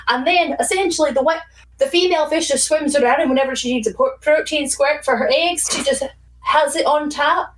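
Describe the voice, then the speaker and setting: A woman with a high voice chats on a podcast, telling fun facts in a lively, storytelling way. She sounds set back from the microphone, a little distant. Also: a little fast. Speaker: podcast guest. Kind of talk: casual chat.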